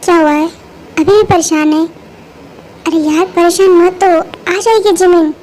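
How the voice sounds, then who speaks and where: A cheerful young buddy who teases and reassures his friend, voiced by a woman. The voice is very high. It is a fan-made audio drama dub. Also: fairly even intonation, a little slow, darkish tone, slight background noise. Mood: reassuring. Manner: reassuring, teasing.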